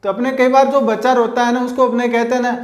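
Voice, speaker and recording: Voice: medium pitch, little pitch movement, quick pace, reverberant. A teacher giving an online vocabulary class, who repeats each word and spells it out letter by letter. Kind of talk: online vocabulary lesson with memory tricks.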